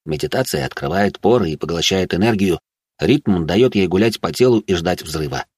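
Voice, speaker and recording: Husky low-voiced male narrator. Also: expressive, moderate pace, a little mellow, dry recording, clean studio sound. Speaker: audiobook narrator. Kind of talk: first-person fantasy audiobook narration.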